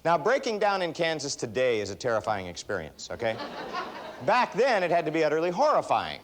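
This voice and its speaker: Animated self-deprecating man speaker. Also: a little high, a little fast, background noise. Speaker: motivational speaker. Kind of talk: seminar talk with anecdotes.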